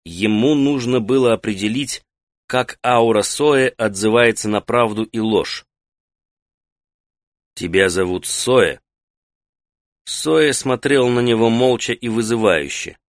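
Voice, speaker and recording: A man reading an audiobook in steady, even scripted narration. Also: medium pitch, measured pace, dry recording. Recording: dry close studio sound.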